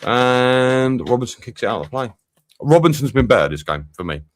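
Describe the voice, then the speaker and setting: A man's voice: medium pitch, very animated, normal speed, no echo. A young man doing a live match watch-along, swearing freely and bantering with his chat between bits of play commentary.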